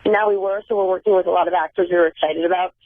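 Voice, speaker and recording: A woman's voice: on the low side, fairly even intonation, racing, no room sound. Wry woman on a tinny phone line. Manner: articulate, wry, self-deprecating. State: groggy morning voice. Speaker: phone-in guest. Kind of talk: casual phone chat. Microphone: telephone.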